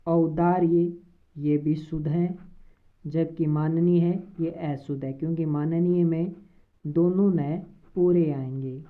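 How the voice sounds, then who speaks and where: Woman teacher going slow over exam questions, repeats every word, sounds like a phone line. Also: sits low, steady tone. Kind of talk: exam prep lesson. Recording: tinny phone-like audio.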